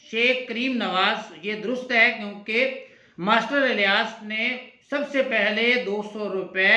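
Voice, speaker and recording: Bright-voiced Pakistani Urdu teacher in an echoey room. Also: male voice, sits high. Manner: slow, deliberate, repeating words for students. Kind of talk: exam-prep lesson walkthrough.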